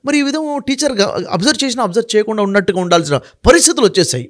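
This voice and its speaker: His voice is high, sing-song and rapid-fire. Sitting as an interview guest, he lays out emphatic points one at a time and keeps putting rhetorical questions to the host.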